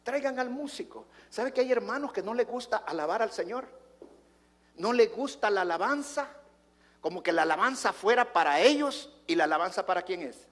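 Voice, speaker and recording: A man's voice: high voice, animated, normal speed, a bit bright, big-room sound. A man preaching a sermon as pastor, emphatic, asking rhetorical questions and acting out the people in his stories. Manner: acts out quoted dialogue in joke stories.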